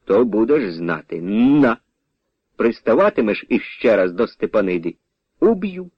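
A man's voice: fairly low pitch, big pitch swings, measured pace, slightly rough, dry recording, heavily acted. A strong young giant with a fierce temper speaks in blunt, threatening warnings, as a male narrator plays him. His voice rises and falls with force. The radio recording is dull and dry.

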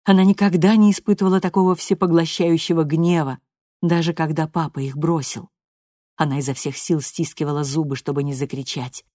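A woman narrating an audiobook in a measured, expressive reading. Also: low voice, dry recording, studio quality. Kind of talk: scripted narration.

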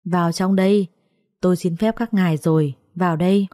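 A woman voicing an old village spirit medium who gives flat, unhurried instructions. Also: lowish voice, no echo, studio quality, close to an everyday voice. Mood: calm.

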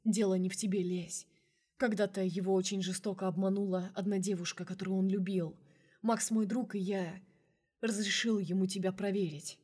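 A remorseful young man pleads softly and earnestly in an audiobook, read by a woman. His tone is tender and low-key, sitting at a middle pitch with no strain. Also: fairly even intonation, normal speed, close to an everyday voice. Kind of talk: audiobook character reading.

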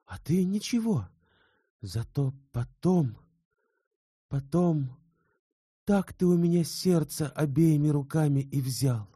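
A man's voice: fairly high pitch, expressive, slow, long pauses, dark tone, breathy edge, dry recording, clean studio sound, voice pushed up, exaggerated voice. A man voicing an earnest young woman in love, read tenderly and heartfelt in an audiobook. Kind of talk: audiobook character voice.

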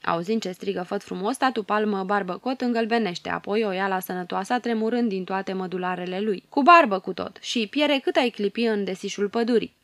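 A woman reading a fairy tale aloud as a storybook narrator, in a lively, expressive way. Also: medium pitch, few pauses, no room sound. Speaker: audiobook reader.

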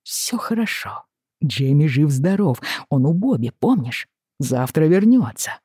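A woman voicing a worried father, hushing and soothing his little daughter in a whisper. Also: deep voice, sing-song, unhurried, husky, no room sound, studio quality, full character voice. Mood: hushed, soothing.

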